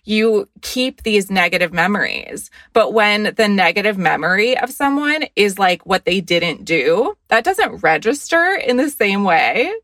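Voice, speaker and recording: A woman guest on a podcast, giving thoughtful, measured commentary in casual chat. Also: medium pitch, very animated, a bit bright, no echo, clean studio sound.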